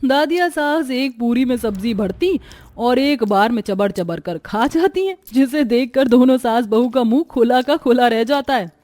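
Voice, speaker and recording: A woman reading a scripted family story in a lively, dramatic narrating voice. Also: on the high side, moderate pace, no echo, faint music behind.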